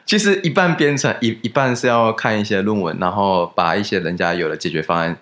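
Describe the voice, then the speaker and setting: A man's voice: on the low side, brisk, a bit bright. A young man, a guest in a casual podcast chat, who explains things at length and laughs easily.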